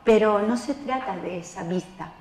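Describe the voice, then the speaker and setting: A woman preaching at a spiritual seminar. She talks straight to the listener and acts out the people she quotes. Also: normal speed. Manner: expressive, acts out quoted voices with rising pitch; addresses listener directly as tú. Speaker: lay preacher teaching a seminar. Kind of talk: spoken sermon teaching. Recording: roomy hall with long reverb.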